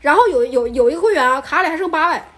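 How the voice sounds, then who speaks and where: Fast, high Northeastern Mandarin woman. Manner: animated storyteller, acts out quotes. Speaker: bookstore owner, guest. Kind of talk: casual chat.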